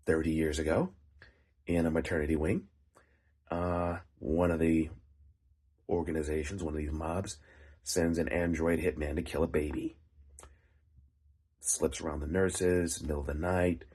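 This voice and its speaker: A man with a gravelly, phlegmy voice telling a story casually in halting short phrases, like a writer hosting his own vlog. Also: rumbling low, level tone, darkish tone. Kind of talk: casual rambling storytelling monologue.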